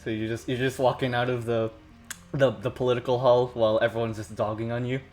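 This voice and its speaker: A man as game master, improvising narration for a tabletop game in a halting way, often repeating words. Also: mid-range voice, level tone, a little mellow, soft background music.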